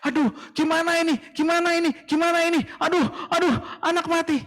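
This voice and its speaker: Brief: panicked wailing neighbors, shrill, sky-high cries. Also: male voice, little pitch movement, brisk, a bit bright. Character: panicking grief-stricken Egyptian neighbors wailing.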